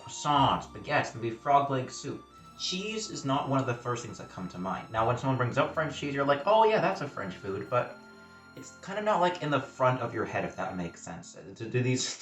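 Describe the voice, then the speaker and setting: A man's voice: medium pitch, fairly bright tone, echoey room, recorded from a distance. A man talking casually in a food vlog, chatty and self-deprecating, tasting food as he goes. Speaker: food vlogger.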